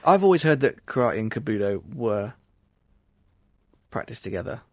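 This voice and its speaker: A man's voice: mid-range voice, sing-song, moderate pace, no room sound. A man from England, co-hosting a casual chat podcast, rambling with restarts and joking at his own expense. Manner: self-deprecating, rambling with restarts. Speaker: podcast co-host.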